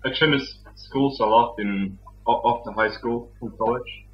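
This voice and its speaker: A young man from Sweden with a Swedish accent, a guest answering interview questions in a relaxed, soft-spoken way. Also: unhurried, faint music behind. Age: young adult. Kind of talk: casual interview. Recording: muffled low-fidelity audio.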